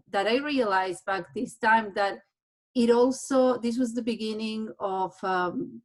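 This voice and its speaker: Woman from Uruguay presenting to a panel. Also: medium pitch. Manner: personal and anecdotal, some restarts. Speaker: architect and project manager on a panel.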